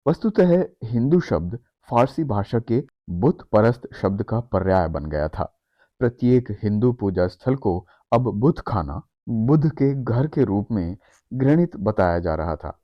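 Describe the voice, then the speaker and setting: A man narrating a scripted history explainer in a measured, steady read-aloud manner. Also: lowish voice, no echo. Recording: dry, slightly dull studio voice-over.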